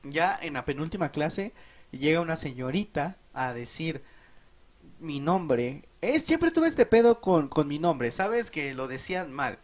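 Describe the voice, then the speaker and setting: Speaking a little high and a little slow, a young man with a Mexican Spanish accent laughs his way through an animated, profanity-filled podcast story about his school years, told casually.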